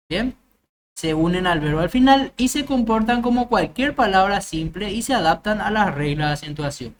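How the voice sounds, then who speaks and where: A woman's voice: on the low side, slight background noise. Methodical Paraguayan woman teaching grammar. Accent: Paraguayan Spanish. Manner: methodical, checks in with "¿bien?". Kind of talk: recorded grammar lecture.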